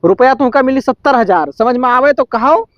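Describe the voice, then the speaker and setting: A man's voice: very high-pitched, animated, moderate pace, no room sound, muffled recording. A man playing an insistent village moneylender in a comedy sketch, nagging and arguing with an Awadhi accent. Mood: hard bargaining. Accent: Awadhi, eastern Uttar Pradesh. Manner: nagging, argumentative.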